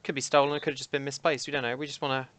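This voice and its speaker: A man's voice: medium pitch, flat delivery, a bit bright, no echo, lightly acted. A man playing a polite tiefling adventurer in his own voice, speaking hesitantly with many halts. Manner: hesitant, halting.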